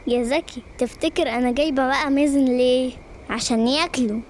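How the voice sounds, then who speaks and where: A woman voicing a teasing, confident older sister in an animated story, reassuring her brother. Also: high-pitched, a little fast, a little hiss or hum, natural voice.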